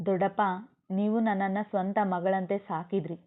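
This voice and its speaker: A woman voicing a young niece who comforts her uncle with quick, earnest reassurance. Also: medium pitch, fairly even intonation, close to an everyday voice. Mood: consoling. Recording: tinny phone-like audio.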